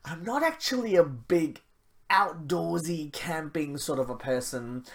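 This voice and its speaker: A man serving as pastor gives church notices before his sermon, then leads a prayer. He talks in a chatty, self-deprecating way, dropping in quick asides. He is speaking at a church service that is streamed live. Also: a little high, animated. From Malaysia.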